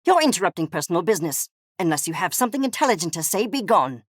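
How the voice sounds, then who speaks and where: This woman's voice sits on the low side, very animated and quick, as she plays a video game's arrogant, eccentric furry scientist. She sounds scornful and impatient, her speech wordy, theatrical, precisely enunciated and talking down to the listener. The studio sound is clean and dry.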